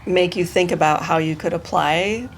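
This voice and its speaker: A middle-aged woman hosting an interview, brisk and asking follow-up questions. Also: fairly low pitch, slight background noise. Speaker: podcast host, therapist and educator. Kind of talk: casual podcast interview.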